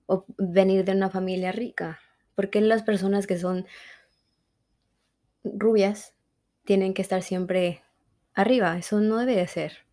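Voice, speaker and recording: Earnest woman, flat and mellow. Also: medium pitch. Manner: earnest, halting, searches for words with fillers. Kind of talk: casual reflective talk.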